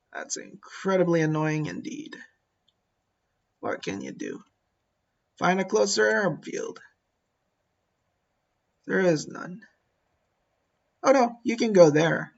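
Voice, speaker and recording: A man talks slowly through a strategy game, musing aloud and talking to his units. His voice sits a little high for a man. The lo-fi mic sounds dull, and mouse clicks tick in the background. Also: vocal fry, a bit bright. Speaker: gameplay commentator. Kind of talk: casual strategy game commentary.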